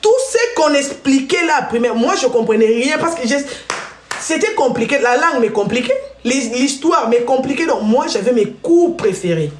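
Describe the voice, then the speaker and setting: This Congolese woman from the DRC runs a chatty live stream, telling stories and speaking directly to viewers at a normal speed. She has a high, expressive voice, heard in an echoey room with slight background noise.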